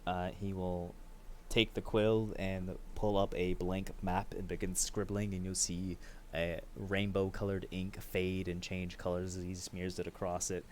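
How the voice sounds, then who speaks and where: A man narrating as game master in a tabletop game, describing scenes in a relaxed way. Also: low-pitched, unhurried, a little hiss or hum.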